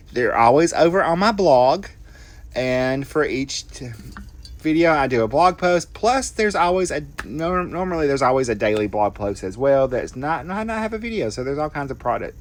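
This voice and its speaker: A middle-aged man, casually narrating a card-making tutorial with folksy, self-deprecating asides to his viewers. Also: mid-range voice. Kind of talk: casual crafting tutorial voice-over.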